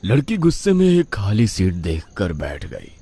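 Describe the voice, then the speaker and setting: A man tells a spooky story in a low voice, unhurried and drawn out. His pitch rises and falls widely to build suspense, and faint background music runs under him. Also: huge pitch swings, dark tone, slightly rough, no room sound. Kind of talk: dramatic horror story narration.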